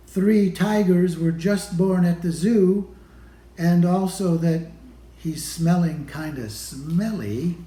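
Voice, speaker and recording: In a roomy, echoey space, a man reads a children's picture book aloud in a mellow, slightly high voice. He goes slowly and deliberately, pausing between phrases to show the pictures.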